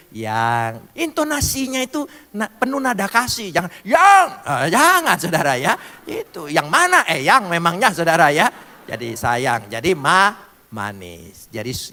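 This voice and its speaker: A male pastor preaching a sermon in a playful, lively way, with wordplay and questions thrown to the congregation. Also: fairly high pitch, long reverb tail.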